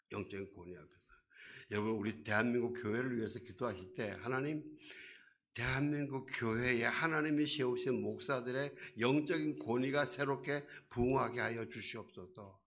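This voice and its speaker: A man's voice: medium pitch, moderate pace, fairly bright tone. A man preaching a sermon as a pastor, in a conversational way that asks the congregation questions and acts out quoted voices.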